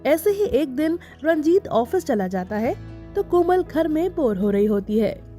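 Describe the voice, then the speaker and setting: A woman narrating a scripted animated story in a steady storytelling manner. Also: sits high, unhurried, faint music behind.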